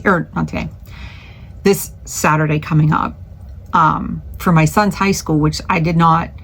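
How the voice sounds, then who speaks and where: A middle-aged woman with a notably low voice talks through her week in a casual vlog. She rambles in a relaxed way, full of "um"s and restarted sentences, while working in her home craft studio. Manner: rambling, many fillers and restarts, chatty. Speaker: small craft business owner.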